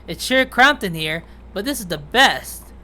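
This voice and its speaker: A woman voicing a boisterous, eager young man in a game read-through, with a loud, enthusiastic manner. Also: mid-range voice, expressive, slow. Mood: delighted.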